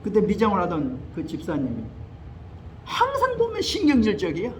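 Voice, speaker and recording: A man's voice: sits high, wildly swooping pitch, moderate pace, slight background noise. An older man preaching a sermon as pastor, telling a story animatedly and acting out the voices in it. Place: church sanctuary.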